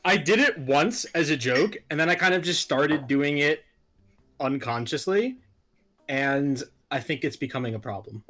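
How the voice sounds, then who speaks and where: A man's voice: a little high, animated, moderate pace, sharp tone. A man co-hosting a casual chat who swears freely and makes fun of himself. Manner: swears freely, self-mocking. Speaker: podcast co-host.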